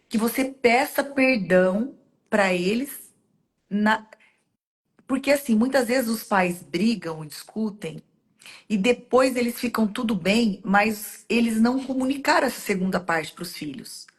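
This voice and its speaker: Earnest woman hosting a faith chat. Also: fairly high pitch. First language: Portuguese. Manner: earnest, heartfelt storytelling with direct appeals. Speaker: host. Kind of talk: faith-based conversation.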